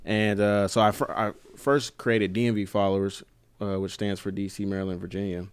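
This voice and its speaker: A man, a guest on a podcast, telling his story in a relaxed, casual way with plenty of fillers. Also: fairly low pitch, fairly quick, clean tone, no echo. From United States. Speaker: guest, brand co-founder. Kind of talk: casual interview talk.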